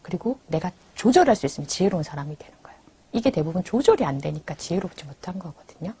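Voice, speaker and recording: A woman giving calm advice about stress and anger, often asking a question and answering it herself, with soft breathy endings to her phrases. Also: fairly low pitch, fast talker. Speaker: speaker on everyday wisdom.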